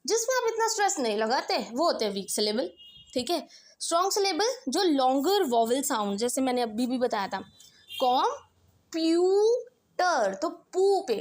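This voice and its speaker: A woman gives a casual revision lesson and keeps checking in with her listeners as she explains each step. Her voice sits high. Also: big pitch swings, brisk. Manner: explanatory, repeats "ठीक है" checks, mixes Hindi and English. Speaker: English teacher.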